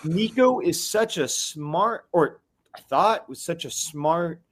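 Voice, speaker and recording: A man's voice: a little high, expressive, slow pace. A man calling into a live fan podcast, fired up and venting in rambling bursts full of restarts and fillers. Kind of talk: casual venting chat.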